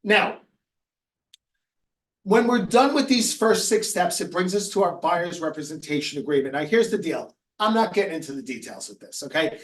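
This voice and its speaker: A man with a high voice coaches agents on a webinar, telling stories earnestly. His voice sits a little back from the mic. He drops soft and low when a story turns sad. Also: expressive, moderate pace, echoey room, recorded from a distance. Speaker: real estate coach. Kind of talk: webinar presentation.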